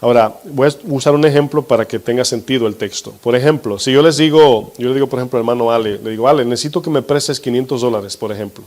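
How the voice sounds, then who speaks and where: Male pastor, mid-pitched voice, steady teaching sermon with questions to the congregation. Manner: slows for emphasis on scripture.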